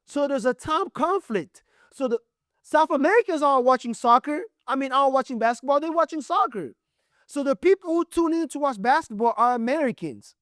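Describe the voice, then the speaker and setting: A man's voice: very high voice, expressive, fairly quick, a bit bright, no echo, clean studio sound. A man from Congo giving blunt, emphatic opinion commentary on basketball as the show's host. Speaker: sports commentator.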